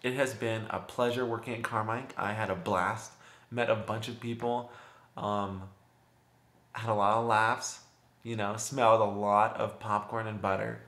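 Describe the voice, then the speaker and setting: A man's voice: on the low side, little pitch movement, unhurried, fairly bright tone. A young man vlogging, chatty, laughing often and acting out voices as he tells a story. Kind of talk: casual storytelling. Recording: roomy echo.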